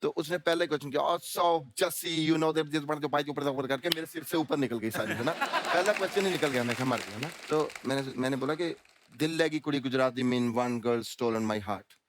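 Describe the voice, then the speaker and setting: A man's voice: fairly high pitch, fairly quick, noisy background. A man from Punjab with a Punjabi accent, telling a comic story on a talk show and laughing as he slips into broken English. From Punjab, India. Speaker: guest singer.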